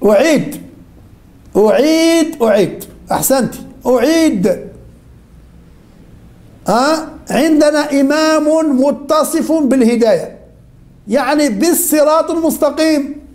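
A religion teacher with a high-pitched, slightly mellow voice runs an interactive lesson at a moderate pace. She repeats the same question over and over, calling on students by name until one of them answers.

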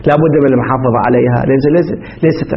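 A man's voice: medium pitch, very fast, a little hiss or hum. A man teaching a classical grammar lesson, explaining step by step and quizzing his students with questions. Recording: dull lo-fi recording.

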